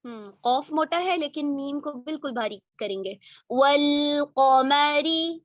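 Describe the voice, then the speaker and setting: A woman with a high voice teaches Quran recitation in an online lesson, modelling each word with long, unhurried care. Between drills she corrects pronunciation and praises quickly. The sound is dry and slightly muffled, like a call recording. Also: animated, dry recording. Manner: models verses slowly, corrects and praises briskly.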